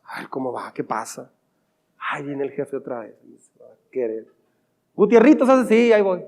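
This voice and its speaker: A man's voice: high-pitched, very animated, fairly quick, dark tone. A man voicing a weary, put-upon male office worker who mutters in a resigned way, with long church reverb. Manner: resigned, muttering under his breath.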